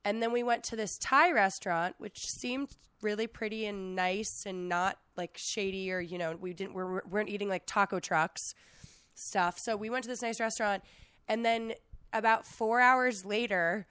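An American woman of about thirty, hoarse from being sick, casually telling an animated story in filler-heavy speech. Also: mid-range voice, normal speed, dry recording. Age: around thirty. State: sick, hoarse, losing her voice. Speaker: podcast host. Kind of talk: casual chat, telling a travel anecdote.

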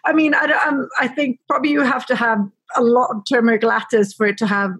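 A woman hosts a podcast interview over a remote call, feeling her way through questions with frequent fillers and restarts. Her voice is a little husky. The sound is dry and close. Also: a little high, fairly even intonation, brisk, fairly bright tone, no room sound. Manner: hesitant, many fillers and restarts. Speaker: podcast host. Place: in Edinburgh.

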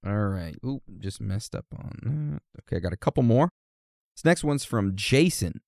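A man's voice: lowish voice, animated, normal speed, creaky, a little mellow, dry recording, studio quality. A man co-hosting a podcast, reading listener birthday messages in a casual, teasing, easily amused way. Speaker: podcast co-host.

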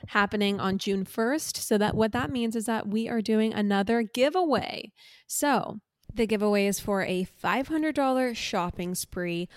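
A woman co-hosting a podcast in casual chat, talking eagerly and pitching products with enthusiasm. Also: unhurried, smooth, dry recording. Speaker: podcast co-host.

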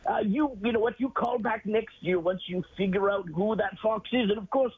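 A man's voice: high voice, moderate pace, breathy edge. A man playing Santa Claus, a jolly, kindly old man with an exclamatory, chuckling, avuncular manner, chatting with child callers. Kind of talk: in-character radio call-in chat with children. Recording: dull, noisy radio call-in sound.

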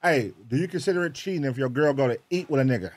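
A man co-hosting a podcast in casual chat, teasing the others in quick banter. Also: mid-range voice, expressive, slight background noise. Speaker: podcast co-host.

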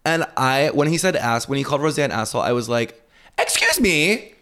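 Profane, animated man chatting on a podcast. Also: medium pitch, fast talker, smooth. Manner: profane, animated storytelling full of "like". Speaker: podcast co-host. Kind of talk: casual chat.

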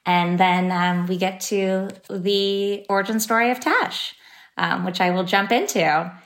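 In an echoey room, a woman in her thirties from San Francisco, a startup founder and podcast guest, shares her story. She's chatty and upbeat with frequent fillers, her medium-pitched voice a bit bright and her pace measured.

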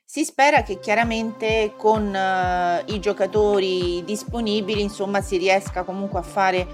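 A woman's voice: mid-range voice, fairly even intonation, measured pace, music in the background. A woman calling in to a radio show by phone, chatting casually and hesitantly, searching for her words with many fillers. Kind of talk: casual phone-in chat about football.

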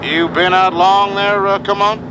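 A slangy trucker over CB radio. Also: male voice, sits high, little pitch movement, moderate pace. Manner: heavy CB trucker slang, ends turns with "come on". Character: cryptic male trucker on the CB. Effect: heard over a CB radio. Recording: CB radio voice with loud engine noise.

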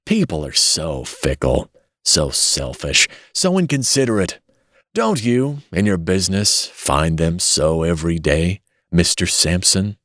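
A man reading an audiobook, voicing a smooth, falsely sympathetic gentleman villain who speaks in a soft, consoling, slyly sneering way. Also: deep voice, no room sound, clean studio sound. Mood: smoothly complaining.

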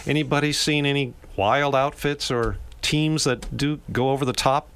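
A man's voice: medium pitch, fairly even intonation, normal speed, a bit bright, smooth. A man hosting a community radio interview show, talking in a friendly, chatty way and laughing easily.

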